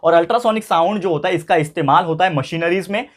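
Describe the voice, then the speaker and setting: A young man teaching a science lesson online, mixing English terms into his talk, asking rhetorical questions and repeating key terms slowly. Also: a little high. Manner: mixes English phrases into Hindi. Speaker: science tutor.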